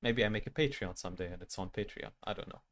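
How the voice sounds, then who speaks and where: A man's voice: lowish voice, fast talker, fairly bright tone. Youthful-voiced man chatting to his stream. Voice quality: youthful-sounding voice. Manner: rambling and self-deprecating, talking straight to his chat. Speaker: game streamer with an animated avatar. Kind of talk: casual end-of-stream chat.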